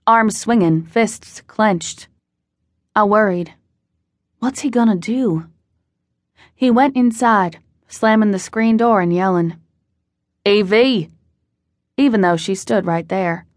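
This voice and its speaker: A woman reading a novel aloud in steady, measured first-person narration, recorded on a close studio mic. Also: medium pitch, no room sound. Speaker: audiobook narrator.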